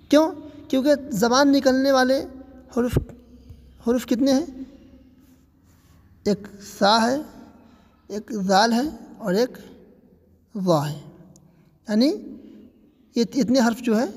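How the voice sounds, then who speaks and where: A woman gives a tajweed pronunciation lesson in a fairly high voice, patient and reassuring. She stretches out each sample letter and repeats it several times. The voice rings with a long hall reverb. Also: a little mellow. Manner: reassuring, repeats the right and wrong sounds. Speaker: Quran recitation teacher.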